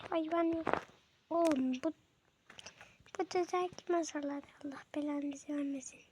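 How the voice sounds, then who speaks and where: A man putting on a girly female voice while giving casual gameplay commentary, excitable, cursing at the game and chatting to viewers. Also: very high voice, unhurried, a little hiss or hum. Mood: playful. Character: girly female voice put on by a male gamer. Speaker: gaming streamer.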